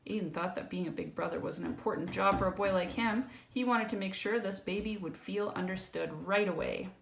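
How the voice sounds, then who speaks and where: A storyteller reads a picture book to a child in a creaky, medium-pitched voice at a fairly quick pace. She explains as she goes and checks in with tag questions along with other casual asides. The recording carries roomy echo and faint background noise.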